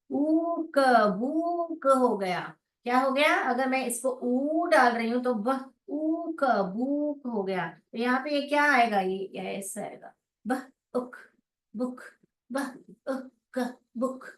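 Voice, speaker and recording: A woman teaching English phonics in an online class, sounding out words slowly and reading out students' answers. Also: a little high, recorded from a distance. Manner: slow, drawn-out sounding of letters and words; reads out students' chat answers and praises them. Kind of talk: online class, explaining in Hindi with English terms. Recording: echoey room, voice away from the mic.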